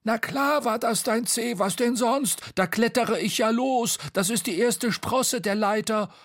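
A man voicing a cheeky, bossy little male storybook creature in a high, perky voice, dry and close. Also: a little slow, a bit bright, no room sound, heavily acted. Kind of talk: storybook read-aloud.

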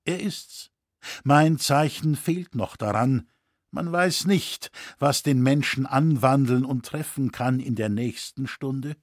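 Man reading as a sorrowful master mason, husky, slow, heavy-hearted, storybook reading. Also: medium pitch, dry recording, studio quality. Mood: weary. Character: older male cathedral master mason, grieving.

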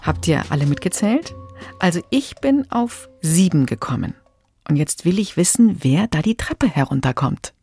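Lively, playful woman quiz host. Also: fairly low pitch, moderate pace, vocal fry, faint music behind. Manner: playful, musing. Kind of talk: chatty quiz commentary.

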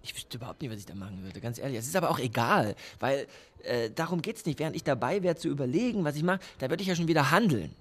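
An actor in a radio play voicing a cynical man who calls himself a professional of love. He lectures sardonically and swings between hushed asides and emphatic bursts. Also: on the high side, expressive, fast, hardly any pauses.

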